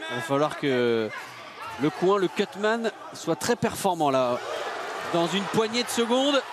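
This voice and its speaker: A man commentates a live fight in a high-pitched voice. His delivery is excited and emphatic, like a wrestling commentator calling every blow. A noisy arena crowd roars behind him. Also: a little slow. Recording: loud crowd noise in arena. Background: noisy sports arena crowd.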